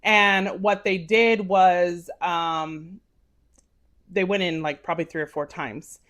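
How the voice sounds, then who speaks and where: A woman in her thirties telling a personal story in a casual, animated way, laughing often. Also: on the low side, slow pace. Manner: animated, laughing, acts out quoted voices. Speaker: podcast guest.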